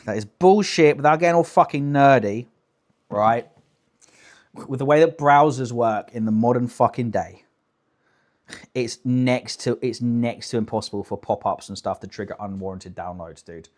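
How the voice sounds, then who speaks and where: A man's voice: medium pitch, moderate pace. A young British man doing casual livestream reaction commentary, blunt, sweary and emphatic in an incredulous way. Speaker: live streamer commenting on clips.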